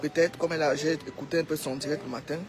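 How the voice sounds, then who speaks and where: A deep, steady female voice with a Cameroonian accent speaks fast while a crowd is heard in the background. She's a social media commentator giving followers an informal, opinionated monologue, urging them on and repeating phrases for emphasis.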